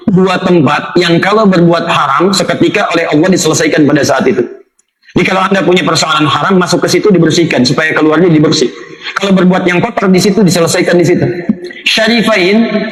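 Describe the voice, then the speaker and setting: A man preaching a sermon to a live audience, telling stories in an animated way. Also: high voice. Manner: animated storytelling, voices the people in his stories. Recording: roomy hall with an audience.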